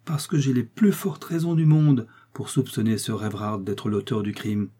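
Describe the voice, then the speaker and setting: A man's voice: medium pitch, steady tone, normal speed, mellow, breathy edge, lightly acted. A man voicing a resolute young man who questions firmly and presses for the truth. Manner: firm, pressing.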